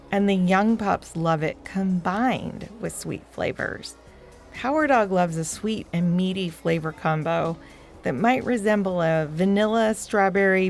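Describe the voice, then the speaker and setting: A woman's voice: fairly low pitch, vocal fry. A woman narrating a children's story show in a broad, singsong kids' theatre manner, playfully talking straight to young listeners. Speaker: host and storyteller of a children's podcast.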